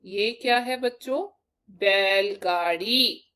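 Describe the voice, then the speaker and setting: A woman's voice: medium pitch, slow pace, a bit bright. A woman teacher giving a primary-school lesson, sounding out letters one at a time for young children.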